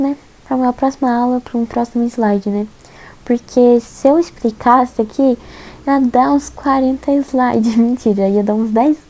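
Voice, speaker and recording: A woman's voice: a little high, dark tone, low-quality recording. A young woman from Brazil casually walking viewers through lesson slides, chatty and a bit hesitant, with frequent fillers and giggles. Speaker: host teaching Korean alphabet.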